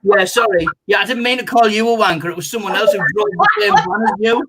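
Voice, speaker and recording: A man's voice: sits high, over a noisy crowd. A young man co-hosting a casual chat show, telling sweary anecdotes and laughing at himself. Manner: animated storyteller, quick to laugh at himself. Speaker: co-host.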